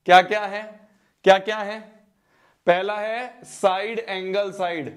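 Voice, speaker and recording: A high-pitched man with a Hindi accent runs a live online maths class. He teases his students playfully, greets them by name and repeats his phrases again and again.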